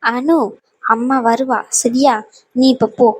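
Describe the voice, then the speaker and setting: A woman playing a steady cartoon aunt who consoles the family with firm words. Her voice is higher than most, even and flat, and sounds dry. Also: takes it slowly, husky, no room sound, full character voice.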